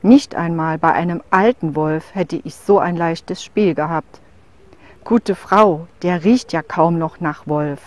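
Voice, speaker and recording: A woman's voice: on the low side, slow, a little mellow. A woman voicing a huge young male wolf in a storybook tale, blunt and scornful, talking with a growl. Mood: gruff.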